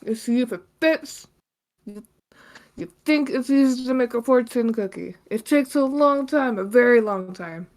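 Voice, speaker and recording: A woman voicing a stern, wise fortune cookie maker in a live-streamed script read-through, talking in a slow, measured, teasing way with slightly slurred words. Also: fairly high pitch, darkish tone, lightly acted. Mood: lecturing.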